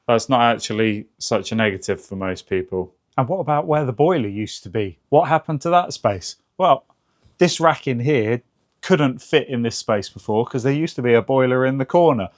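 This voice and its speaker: A man hosting his own home channel, teasing in a whispered role-play and then explaining things casually and in technical detail. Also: mid-range voice. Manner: mock-dramatic, teasing, addresses the machine; conversational and technical. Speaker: homeowner channel host. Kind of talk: casual vlog narration. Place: outdoors by a house in winter.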